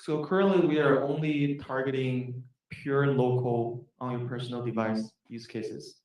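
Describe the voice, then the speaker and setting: A man presenter answers an audience question, explaining plainly. His voice sits in a middle pitch. The recording is heavily echoey and far from the mic. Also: fairly even intonation, unhurried, darkish tone. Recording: very echoey hall, distant mic.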